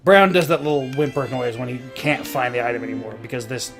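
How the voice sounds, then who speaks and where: A man's voice: medium pitch, fast talker, creaky. A young man hosting a let's play, explaining the game in casual, profane commentary with frequent laughs. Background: game music.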